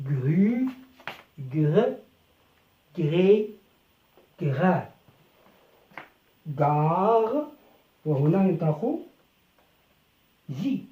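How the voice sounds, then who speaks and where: A French teacher giving a beginner phonics lesson, stretching out syllables and repeating each word slowly. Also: medium pitch, mellow, recorded from a distance. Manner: slow, drawn-out syllables, repeating words. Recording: echoey room, voice from off the mic.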